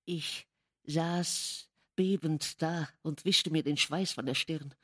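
A woman reading a classic novel aloud as an audiobook, in measured, dramatic storytelling. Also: sits low, fairly even intonation, fairly bright tone. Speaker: audiobook reader. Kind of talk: literary audiobook narration.

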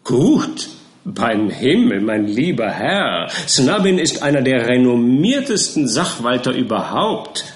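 A man's voice: mid-range voice, big pitch swings, a little slow. A man reading an audiobook and voicing a little, fussy, self-important male lawyer with a bouncy, emphatic manner. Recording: roomy echo.

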